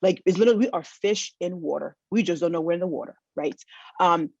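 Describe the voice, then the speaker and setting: A woman's voice: on the low side, fast talker, a little mellow, dry recording. Earnest american woman giving a keynote over a video call, lots of ums and restarts, dull lo-fi sound. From United States. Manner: earnest, with many fillers and restarts. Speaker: keynote speaker.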